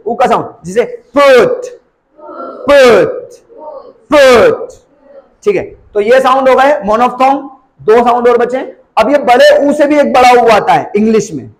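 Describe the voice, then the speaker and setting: High-voiced man drilling vowel sounds. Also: poor audio. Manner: slow, drawn-out repetition of each sound; calls out example words loudly. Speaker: English pronunciation teacher. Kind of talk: spoken English lesson.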